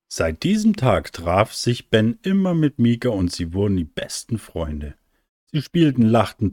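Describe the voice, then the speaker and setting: A man narrating a children's story in a calm, warm reading voice. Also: fairly low pitch, no room sound, studio quality.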